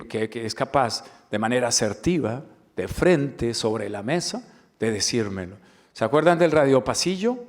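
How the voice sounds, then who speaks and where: Guy from the dominican republic doing a work webinar, mid-pitch, keeps repeating words and asking "right?". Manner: emphatic, repeats key words, asks rhetorical questions. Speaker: corporate trainer. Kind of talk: webinar lecture.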